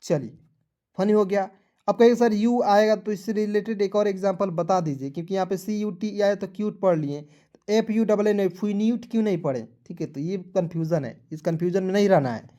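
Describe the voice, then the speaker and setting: A man's voice: high-pitched, warm tone. Man spelling out English words. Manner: spells words letter by letter, asks viewers to comment. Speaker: English teacher. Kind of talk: Hindi-language English spelling lesson.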